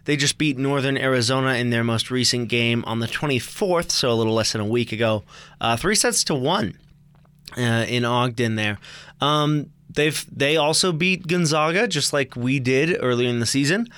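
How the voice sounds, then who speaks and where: A young American man talks through a college sports preview in a loose, joking way, catching and correcting his own slips. His voice sits at an ordinary middle pitch. The sound is close and dry, with little room around it. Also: normal speed, fairly bright tone, clean tone, no echo. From United States. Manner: chatty, joking, self-correcting. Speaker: sports show co-host. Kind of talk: casual sports preview chat.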